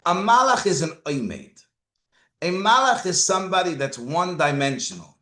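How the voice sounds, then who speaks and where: A high-pitched male rabbi, not a native Hebrew speaker, delivers a Torah lesson in English peppered with Hebrew and Yiddish terms and rhetorical questions. His delivery swings widely in pitch at a normal pace, sounding pushed and bright against reverberant acoustics.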